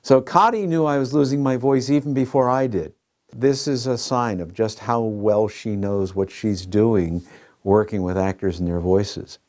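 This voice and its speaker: A man, an actor, telling a relaxed anecdote in an interview. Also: on the low side, normal speed. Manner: storytelling, relaxed.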